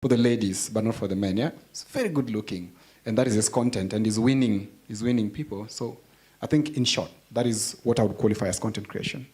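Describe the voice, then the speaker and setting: A man's voice: lowish voice, a little fast, dark tone. Hesitant man on a panel. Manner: hesitant, searches for words with fillers. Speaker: forum panelist. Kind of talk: casual panel talk.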